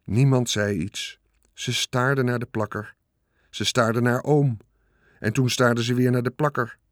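A man reading a children's storybook aloud as narrator, in a calm, measured way. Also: medium pitch, dry recording, studio quality.

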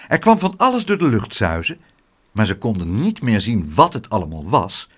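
A man reading a children's story aloud with expressive, dramatic storytelling. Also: on the high side. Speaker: narrator.

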